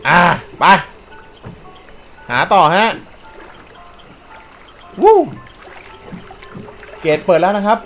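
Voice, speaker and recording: A young man talks through a game in casual, excitable let's-play commentary, swearing freely. His voice sits a bit high and leaps around wildly, shooting up into loud yells. Faint game music plays underneath. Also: drawn-out words, long pauses, poor audio. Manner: excitable, swears often, frequent loud outbursts. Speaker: gameplay commentator.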